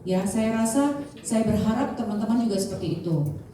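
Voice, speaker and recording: A woman of about fifty gives a motivational sharing talk to an audience, chatty and full of fillers, now and then questioning the crowd. Her voice is mellow and dark. She is picked up from far off in a strongly echoing hall with faint background ambience. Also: a little high, lively intonation, a little fast, slight background noise. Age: 50s. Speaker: insurance agent giving a sharing talk. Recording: distant mic, heavy room echo.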